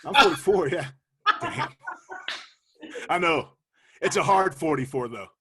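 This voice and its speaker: A man's voice: a little high, expressive, a little slow, a loud crowd. A man hosting a casual video-call chat, laid-back, laughing easily and swearing casually. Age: 40s. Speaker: host.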